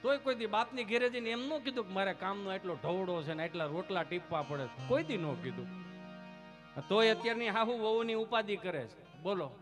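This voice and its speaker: A man telling comic folk stories on stage at a village gathering, teasing and lively. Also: high voice, a little fast, music in the background. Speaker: folk storyteller and comedian.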